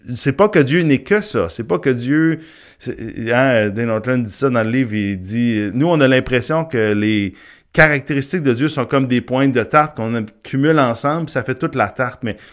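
A man giving a morning Bible teaching, talking it through with many fillers and restarts. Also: mid-range voice. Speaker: pastor.

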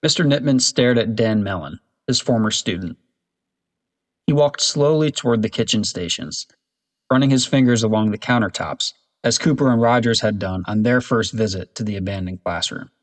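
Guy reading a storybook out loud, lowish voice, steady and even. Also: moderate pace. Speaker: narrator. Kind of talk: storybook narration.

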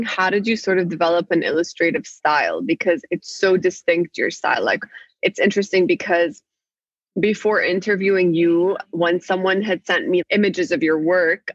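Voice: medium pitch, no room sound. A host asking interview questions in a curious, chatty, encouraging way. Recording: dull, lo-fi, husky sound.

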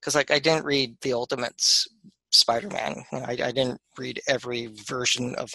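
Gravelly bright-voiced man, halting. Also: medium pitch, fairly even intonation, dry recording, rough recording. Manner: halting, stammering restarts. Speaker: podcast co-host, attorney. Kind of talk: casual podcast chat.

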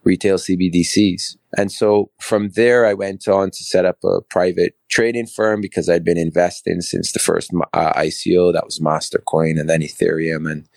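Man, middle-aged, from Barbados, podcast guest, gravelly, low, fluent measured talk. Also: fairly even intonation, darkish tone, no echo. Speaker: guest, crypto co-founder. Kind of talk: podcast interview.

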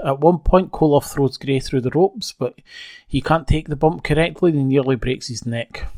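A man's voice: mid-range voice, darkish tone, no echo, studio quality. A man casually recapping an old wrestling broadcast, conversational with wry asides. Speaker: wrestling show reviewer.

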